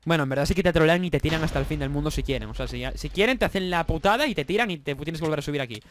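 A man's voice: fairly high pitch, rapid-fire. A young man with an accent from Spain, commentating his gameplay in a rowdy, swearing, mock-apologetic way. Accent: Spanish from Spain. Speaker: gaming YouTuber.

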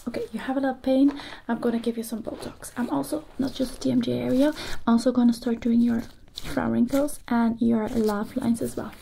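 A young ASMR artist takes on the role of a brisk female medic reassuring a patient through procedures, speaking in soft, breathy, often hushed, repetitive murmurs. Her slightly high voice holds a steady tone, soothing but matter-of-fact. The close recording in a small indoor room is noisy and full of clicks.

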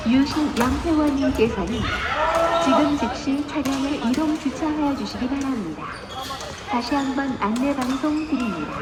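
A woman making a polite, measured parking announcement over a PA loudspeaker, repeating each notice. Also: sits high, lively intonation, echoey room, very noisy. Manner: polite, measured, repetitive phrasing. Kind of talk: formal public announcement.

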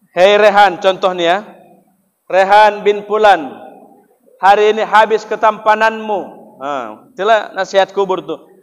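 A man's voice: sits high, fairly bright tone, clear, resonant tone, long reverb tail. A man with a North Sumatran Indonesian accent, preaching a dramatic mosque sermon to youths and acting out the voices of the dead and of angels. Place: mosque hall.

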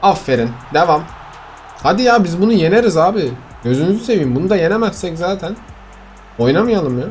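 A man's voice: high-pitched, very animated, fairly quick, darkish tone, soft background music. A young man giving casual commentary on his own match, talking to viewers and swinging from frustrated mutters to outbursts. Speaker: gaming YouTuber. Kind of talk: casual live game commentary.

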